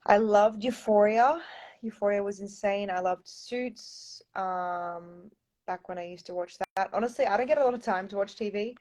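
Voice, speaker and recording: A woman's voice: mid-range voice, moderate pace, a little mellow. Chatty Australian young woman on livestream. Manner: chatty, reads viewer comments aloud, often says um and like. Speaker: pageant contestant answering fans. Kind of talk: casual live-stream Q&A.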